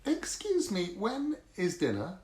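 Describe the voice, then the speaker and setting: A man's voice: high voice, wildly swooping pitch, takes it slowly, darkish tone, voice pushed up, exaggerated voice. A man voicing a polite, cautious young girl in a storybook reading. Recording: roomy, echoing sound.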